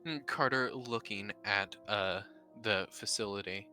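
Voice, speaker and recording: A man improvising third-person narration as a tabletop role-play player, halting as he searches for words. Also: fairly low pitch, bright, forceful tone, soft background music.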